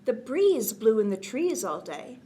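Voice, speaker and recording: With a slightly high, sing-song voice at a measured pace, a woman gently and expressively reads a picture book for a bedtime storytime for kids. She offers casual asides and frequently goes near-whisper, over slight background noise.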